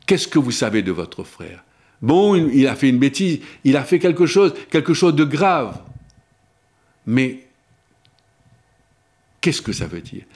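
Seated at a table in a small studio against a blue backdrop, an older man with a lilt delivers a Lenten sermon to camera into a stand-mounted table microphone. He slows down to stress key words and often shifts between higher and lower pitches.

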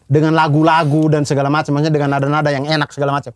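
A man's voice: on the high side, flat delivery, racing. An Indonesian man in casual podcast chat, telling a firsthand story earnestly and acting out a scream he heard.

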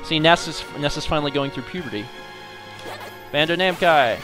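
This is a young male let's play host talking casually through a co-op game, his voice on the high side and animated, moving at a moderate pace. Chatty and cheerful, he thinks aloud while playing as game music and effects run in the background.

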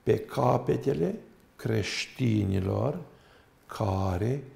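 A man voicing the skull of a pagan priest speaking from hell, in a hushed, low voice. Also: vocal fry. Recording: roomy echo.

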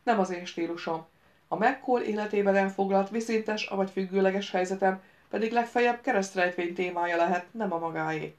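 Reading an audiobook role, a woman portrays a former bodyguard, a young woman with a sharp tongue and a cool, cutting delivery. The pitch is medium and sounds much like ordinary speech.

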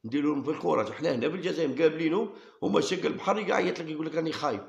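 Brief: Algerian man, channel host, fast gravelly delivery, defiant and repetitive, echoey room. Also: fairly high pitch, lo-fi sound. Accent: Algerian Arabic. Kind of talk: heated solo monologue to camera.

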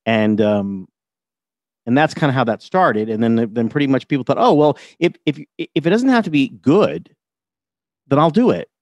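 In a casual interview chat, a man who writes and produces television talks wryly and at length as a podcast guest, tending to repeat words when beginning a thought. His mid-range voice is slightly mellow, with lively intonation at a moderate pace. There's no room sound, though the audio is dull.

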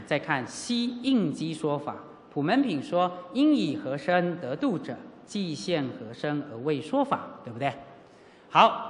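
A middle-aged Buddhist teacher from Taiwan preaches with lively rises and falls in pitch. The teacher acts out dialogue and keeps asking the listeners rhetorical questions. A long hall reverb trails every phrase. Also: slight background noise. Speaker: Buddhist teacher giving a sutra lecture. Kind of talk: sermon with personal storytelling. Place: lecture hall at a Buddhist centre.

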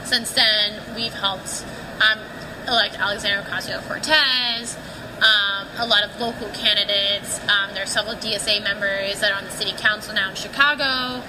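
A woman's voice: mid-range voice, steady tone, moderate pace. A woman giving a casual, filler-filled interview answer at a convention. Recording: noisy field recording.

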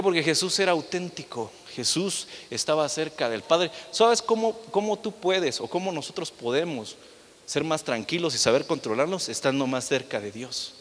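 A young man preaching to his congregation in a lively way, tossing out rhetorical questions and acting out the people in his stories. His voice sits a bit high for a man. It rings out with the long reverb of a church hall. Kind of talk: sermon.

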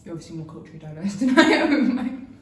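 Lively young woman in a roomy space. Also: lowish voice, fast talker. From North Yorkshire, England. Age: young adult. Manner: chatty, laughs easily. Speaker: taste tester. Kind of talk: casual chat. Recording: roomy room, mic at a distance, faint noise.

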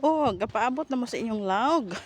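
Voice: mid-range voice, expressive, moderate pace. A vlogger walking around a farm with animals, chatting casually, teasing and joking and calling out to the animals. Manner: playful, teasing, jokes and then takes it back, calls out to animals. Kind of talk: casual vlog narration while walking around. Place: outdoor farm with camels, goats and birds. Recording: windy, dull outdoor phone audio.

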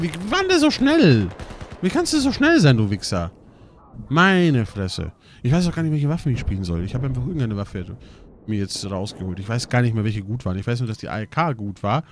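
A young German man doing live gameplay commentary, excitable and swearing a lot, with bursts of shouting while mostly keeping his voice down. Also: medium pitch, slight background noise. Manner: holds his voice down at night. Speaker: let's play gamer.

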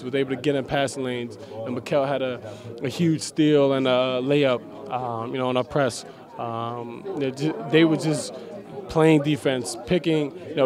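Young man, college athlete, post-game interview, halting, fillers, handheld mic, locker room, crowd noise. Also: medium pitch. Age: young adult. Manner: halting, many fillers and restarts. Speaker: college basketball player. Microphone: handheld mic held by interviewer.

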